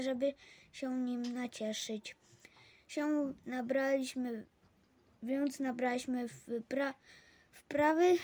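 A woman reading a children's story aloud in a clear, steady way. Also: high voice, dry recording. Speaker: reader.

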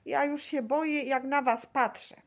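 A woman voicing a timid, dreamy young girl in a storybook reading, squeaking with surprise. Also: steady tone, unhurried. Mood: fearful. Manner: squeaky, wide-eyed.

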